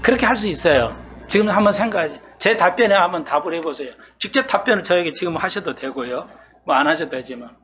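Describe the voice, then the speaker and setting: A man's voice: fairly high pitch, animated, fast talker, a bit bright. A male pastor preaching an expository sermon in a conversational way, often asking his congregation questions and playing out their replies.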